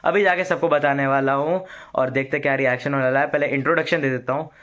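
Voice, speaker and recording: A man's voice: medium pitch, steady tone, fast talker, fairly bright tone, dull audio. A young man talking casually to a handheld phone camera at home, chatty and playfully teasing his family. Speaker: vlogger. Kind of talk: casual vlog narration.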